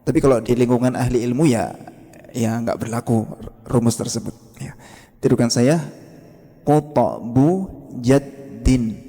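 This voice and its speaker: Brief: male teacher, mellow tone, patient drills, long echoing reverb of a mosque hall. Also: medium pitch, fairly even intonation. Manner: patient, demonstrates sounds slowly and quizzes the class. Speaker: Quran recitation teacher. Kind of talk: classroom lesson with drills.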